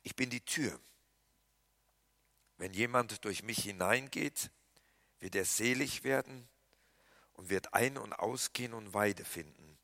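A man preaching a sermon as pastor, animated, with loud emphatic lines that drop to hushed quiet passages. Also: fairly low pitch, slow, pauses often, dry recording.

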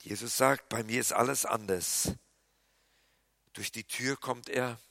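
A man preaching a sermon as pastor, animated, with loud emphatic lines that drop to hushed quiet passages. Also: mid-range voice, unhurried, vocal fry, dry recording.

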